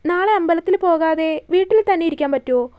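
A woman's voice: very high-pitched, a little fast, a little mellow. A woman reading a teasing young lover. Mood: tender. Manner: playful, teasing, tender. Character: young man, teasing affectionate lover on the phone.

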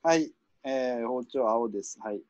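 A man with a Kansai accent hosting a word game, explaining rules in a relaxed, chuckling way. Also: mid-range voice, normal speed, dry recording, muffled recording. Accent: Kansai Japanese. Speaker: game host and referee. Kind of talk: casual game commentary.

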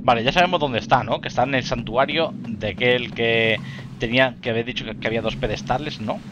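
A man's voice: mid-range voice, fast, dull audio, noisy background. A man commenting casually on a video game, rambling and thinking aloud, laughing often. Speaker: let's play gamer. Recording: game music loud underneath. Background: game music.

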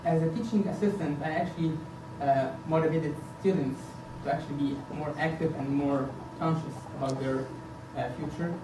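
A board candidate in his thirties from Egypt gives an earnest campaign presentation at a podium in an indoor meeting room, often hesitating and using fillers. His fairly high voice is steady, moderately paced, with hardly any pauses. A far camera picks him up, so the room echoes and a background hiss is audible.

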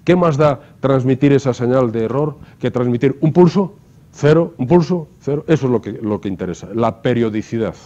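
A man lectures to his class in a mellow, dark voice, walking through the material step by step. He keeps checking in with rhetorical questions. The recording is muffled and lo-fi. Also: mid-range voice, animated, fairly quick. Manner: explanatory, asks rhetorical questions with frequent tag "¿no?". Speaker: university lecturer.

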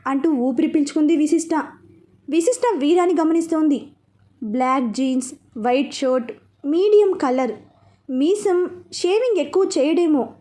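High-voiced woman narrating a romance story. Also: dark tone. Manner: reads every part herself, quick shifts into characters' lines.

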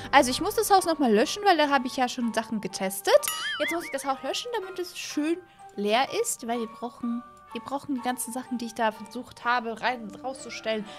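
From a small indoor home gaming room, a gaming channel host in her 20s talks in a high voice, offering excited, effusive let's-play commentary to viewers with English words sprinkled in. A close desk microphone on an arm, along with a headset, picks her up over background music.

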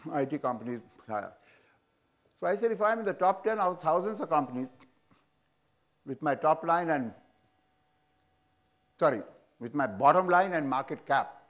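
A man in his seventies with an Indian English accent, speaking frankly and animatedly as a guest in an on-stage interview, recorded on a lapel mic. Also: fairly high pitch. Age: 70s. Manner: animated, frank, sweeping hand gestures, chuckling. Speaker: business leader guest. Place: auditorium stage.

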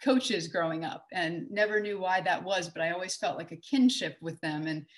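This conference speaker, a woman in her forties from Texas, talks at a normal speed in a voice on the low side. She gives her online talk with slides conversationally over a video call, recorded on a webcam, with plenty of fillers and restarts.

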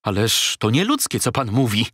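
A wheedling, shabby lawyer fawns and haggles in a husky, sugary voice, as a male reader puts him on. He pushes his offers with sudden high, pleading lifts. The sound is dry and close. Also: big pitch swings, normal speed, a bit bright, no room sound. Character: shabby fawning male lawyer, middle-aged, sly haggler.

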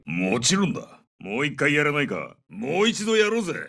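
Captain Price, a commanding high-pitched soldier. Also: male voice, huge pitch swings, moderate pace, vocal fry, pushed and bright, distant mic, full character voice. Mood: low, steady. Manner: terse, commanding, urgent. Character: gruff male British special forces captain, commanding and battle-hardened. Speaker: soldier calling out combat voicelines. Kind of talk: military shooter game voice acting, short tactical callouts.

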